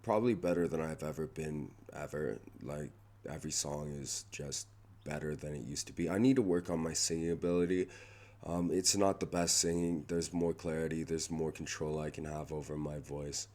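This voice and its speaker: A young man rambling through a personal vlog update, halting and restarting often, his voice going hoarse. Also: a bass voice, steady tone, darkish tone. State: losing his voice. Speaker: vlogger.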